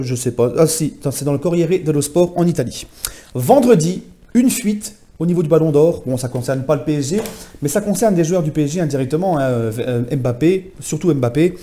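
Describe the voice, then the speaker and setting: A man's voice: fairly high pitch, warm tone. A man recapping a week of football club news in a casual vlog, talking to his viewers as friends and using many fillers. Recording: home vlog.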